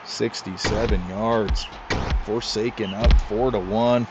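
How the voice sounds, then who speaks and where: A man calls the action in a casual, excitable play-by-play style, breaking off for chatty asides to his co-hosts. He takes his time with each phrase. The recording is a little muffled, with music playing clearly underneath. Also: lowish voice, slow pace. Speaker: league commentator.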